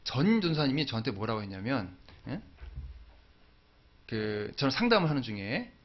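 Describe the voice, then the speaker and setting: Brief: male preacher, lively swooping delivery, storytelling sermon, dull lo-fi recording. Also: medium pitch, moderate pace. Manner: animated storytelling, acting out dialogue. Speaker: pastor.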